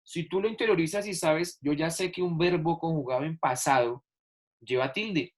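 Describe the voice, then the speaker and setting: Patient male teacher stressing words slowly. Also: fairly high pitch. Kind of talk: online class explanation.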